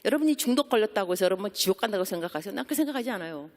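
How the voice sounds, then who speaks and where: A woman's voice: medium pitch, animated, very fast, darkish tone. A woman preaching a sermon as a guest missionary, asking the congregation questions and mixing in English words. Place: church sanctuary. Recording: long church hall reverb.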